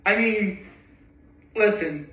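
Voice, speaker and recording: A man's voice: high voice, very slow, a bit bright. A man chatting casually about a movie he loves, rambling with lots of fillers and rising enthusiasm. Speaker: vlogger. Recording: echoey room, voice from a distance.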